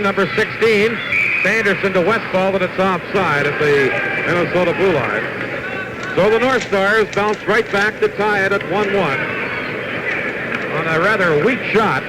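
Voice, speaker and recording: High-voiced man calling hockey through a TV speaker. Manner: brisk, steady calling of each pass and player. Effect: re-recorded off a TV speaker. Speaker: play-by-play hockey commentator. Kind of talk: live play-by-play commentary. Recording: noisy 1970s broadcast taped off a TV speaker.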